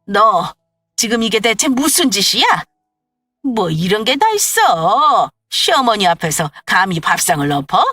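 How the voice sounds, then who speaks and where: A woman voicing a haughty older mother-in-law who scolds and shouts accusations in a storytelling radio drama. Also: sits high, expressive, moderate pace, dry recording, voice pushed up. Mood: furious. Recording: dry, slightly distant voice with faint music.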